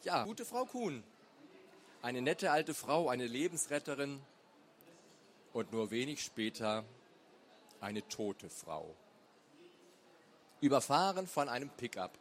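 A man narrating a story aloud in a measured, dramatic way. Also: mid-range voice, lively intonation. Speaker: reader. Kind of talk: audiobook narration.

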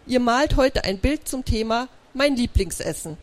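A woman voicing a kind but brisk female schoolteacher speaking to her class. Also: a little high, lively intonation, close to an everyday voice. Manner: brisk and caring.

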